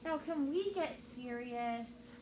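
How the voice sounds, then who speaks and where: Speaking slowly in a high, expressive voice, a woman teaching elementary school reads a story to her pupils and asks them questions along the way. The room echoes, and background noise is clearly audible.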